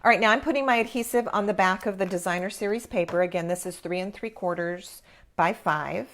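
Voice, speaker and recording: A woman's voice: medium pitch, brisk, fairly bright tone. A woman hosting a live craft tutorial, talking informally and encouragingly as she explains each step. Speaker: craft class host.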